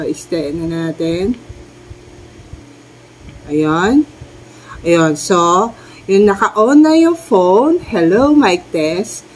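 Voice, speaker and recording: Woman, Filipino accent, middle-aged, nasal cold voice, slow easy talk, chatty vlogger walking viewers through steps at home. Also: medium pitch. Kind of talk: casual product demo. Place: home, moving between rooms. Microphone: wireless clip-on mic and phone.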